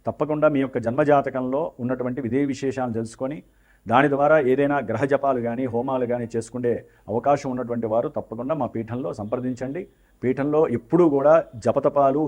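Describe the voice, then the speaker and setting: A man's voice: mid-range voice, darkish tone. A man speaking as an astrologer, giving a forecast with earnest advice and formal devotional phrasing.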